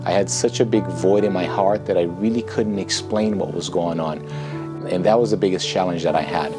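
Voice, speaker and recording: Here a Brazilian entrepreneur and author in his thirties, whose first language is Portuguese, reflects earnestly in English on his own experience to promote a book. He speaks at a normal speed in a deep voice with fairly even intonation, backed by music.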